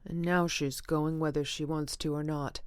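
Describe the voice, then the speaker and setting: Audiobook read: a woman voicing a worn-out, sick garage man, flat and subdued, low and smooth. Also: moderate pace, no room sound, studio quality, natural voice. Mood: weary. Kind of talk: audiobook reading.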